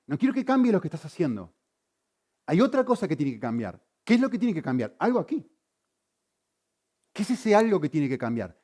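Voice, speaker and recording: A man preaching a sermon, swinging between loud emphasis and quiet, intense asides. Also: a little high, very animated, brisk, long pauses. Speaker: pastor.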